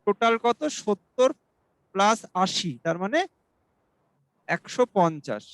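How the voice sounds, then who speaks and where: A male mathematics teacher giving an exam-prep lesson, explaining each step slowly and reading questions aloud. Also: high-pitched, lively intonation, a bit bright, clear, resonant tone, no echo, rough recording. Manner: asks students for doubts.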